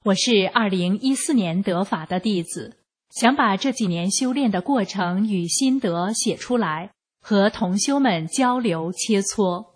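A woman radio announcer introducing a reading in a slow, formal manner. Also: mid-range voice, husky. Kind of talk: scripted announcement. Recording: music bed under the voice.

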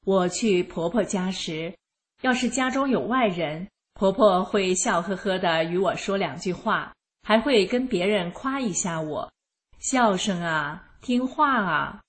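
A woman narrating her own life story in the first person, in a calm and even manner. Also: mid-range voice, measured pace. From rural China.

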